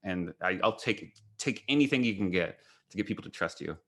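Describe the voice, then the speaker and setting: A low-pitched, animated, brisk and slightly bright male voice. He's an American photographer and artist from Kentucky giving an informal gallery talk over a video call, answering questions in a rambling, anecdotal style that often quotes other people.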